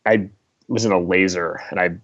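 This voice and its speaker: A man's voice: low voice, steady tone, normal speed, fairly bright tone, no echo, lo-fi sound. A man kayaker on a podcast telling a casual, easygoing story about a race. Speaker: kayaker guest.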